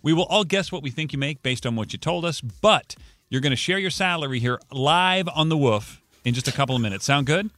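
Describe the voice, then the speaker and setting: Bright, higher-voiced American radio host. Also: male voice, lively intonation, a little fast, dry recording. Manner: playful, teasing. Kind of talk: lively radio banter and phone interview. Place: radio studio.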